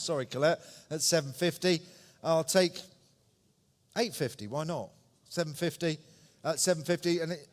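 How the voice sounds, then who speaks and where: A man calling a live auction, repeating figures in brisk, clipped phrases with polite asides to bidders. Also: high voice. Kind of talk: live auction calling, running bid commentary. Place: large indoor auction room. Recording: echoey hall with long reverb.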